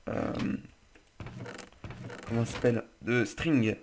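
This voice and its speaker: A man hosting casual game commentary. He sounds chatty and loose, with plenty of joking and casual swearing. His voice sits at an ordinary middle pitch. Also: slow pace, a little hiss or hum. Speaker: gaming channel host.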